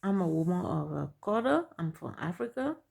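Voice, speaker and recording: Middle-aged Liberian woman, lowish husky voice, earnest testimony with repeated points. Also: sing-song, normal speed, a little mellow. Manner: earnest, repeats phrases for emphasis. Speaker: speaker sharing her story. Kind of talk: personal testimony, advice.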